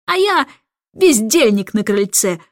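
A cheeky, carefree idler turned court jester chirps in a high, singsong voice, as a woman puts him on. The sound is close and dry, with no room behind it. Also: sing-song, takes it slowly, no echo.

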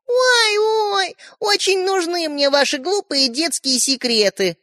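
A scornful, bossy girl, the older sister, pitched high and swinging widely as she mocks and scolds, voiced by a woman reading a storybook. The sound is close and dry. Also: sing-song, normal speed, a bit bright, dry recording. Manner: mocking, scolding. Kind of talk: audiobook character reading.

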